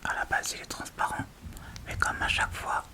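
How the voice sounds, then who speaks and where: A woman hosting an ASMR video whispers softly and breathily through a casual makeup tutorial. She talks at a moderate pace in an informal, chatty way, as if thinking aloud.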